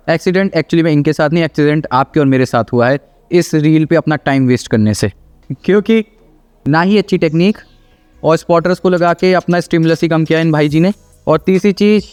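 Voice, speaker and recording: A man's voice: on the high side, a little mellow, smooth. A man giving casual, teasing commentary on gym videos, explaining technique and often checking in with "theek hai". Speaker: fitness video reactor and host.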